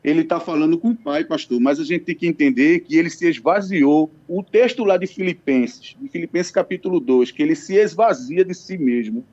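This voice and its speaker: A man's voice: on the high side, normal speed, few pauses, darkish tone. A man calling in to a radio show over the phone, earnestly debating Bible verses with hesitant restarts. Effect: heard over a phone line. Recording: dull lo-fi phone call.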